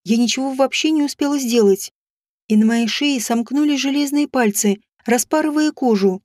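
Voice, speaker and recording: A woman reading a first-person audiobook in a measured, steady storytelling manner. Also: high voice, no echo, clean studio sound. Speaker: audiobook narrator.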